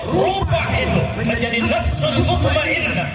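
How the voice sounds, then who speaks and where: A male preacher delivering an Eid sermon at an outdoor field prayer, swinging between low asides and shouted climaxes, asking questions and answering them himself. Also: animated, unhurried, loud music behind the voice, a loud crowd. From Indonesia. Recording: echoey loudspeaker sound from far off.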